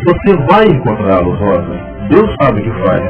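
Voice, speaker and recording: Old radio soap: a frank, kindly cousin, lively delivery, thin lo-fi sound over music. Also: male voice, fairly low pitch, moderate pace. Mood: warm. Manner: frank and reassuring. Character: kind, frank male cousin, encouraging. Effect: old radio drama recording. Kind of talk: 1980s radio soap acting.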